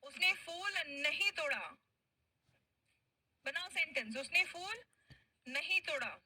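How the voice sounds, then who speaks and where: Indian english teacher lady, high bright voice, talks slow and drags out the example sentences, dry close mic. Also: lively intonation, no echo, low-quality recording. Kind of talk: online spoken English class.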